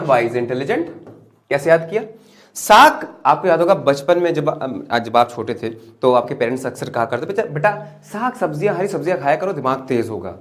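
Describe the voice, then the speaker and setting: A man with a fairly high-pitched voice gives a vocabulary lesson. He repeats each word several times and keeps asking his class rhetorical questions, speaking to them as children. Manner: drills words by repetition and asks rhetorical questions; addresses viewers as children. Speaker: English vocabulary teacher.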